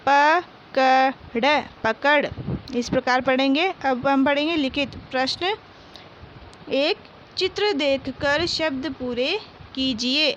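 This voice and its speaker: A patient woman teacher with a slight Rajasthani accent leads a primary-school lesson at a slow, careful pace. Her voice is fairly high, and she asks her class questions and then answers them herself. A faint hiss runs under the recording. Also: fairly bright tone, muffled recording. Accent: Rajasthani Hindi. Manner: slow, patient, repeats each word twice for pupils. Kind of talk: Hindi primary-school lesson, reading words aloud.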